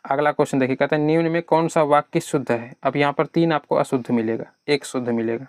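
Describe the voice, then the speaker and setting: A man's voice: fairly high pitch, fairly even intonation, fast talker, dry recording, studio quality. A man teaching an exam prep lesson in a conversational way, answering his own questions on behalf of his students.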